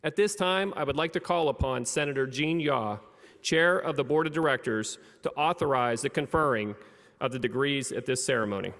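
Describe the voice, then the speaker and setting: A man giving a measured, formal commencement address at a podium microphone in a large theater, presenting the graduates. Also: medium pitch, a bit bright. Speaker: college official presenting the graduates. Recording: long reverb of a large theater.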